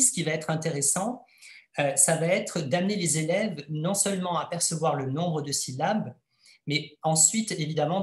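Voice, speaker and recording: A man gives an educational webinar presentation, his voice sitting a little high. He speaks hesitantly, pausing on filler sounds as he explains, and the recording has an echoey room sound.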